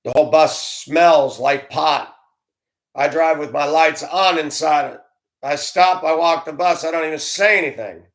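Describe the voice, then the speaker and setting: A man's voice: fairly high pitch, measured pace. A man who used to drive a school bus, telling his own story in an earnest, heartfelt way while venting his frustrations. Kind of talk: candid personal storytelling.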